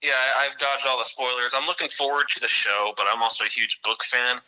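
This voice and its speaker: A man guesting on a podcast interview, telling animated stories and laughing at his own jokes. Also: mid-range voice, a little fast, rough recording. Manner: animated storyteller, laughs at his own jokes, mocks fans in exaggerated voices. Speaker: guest, independent wrestler.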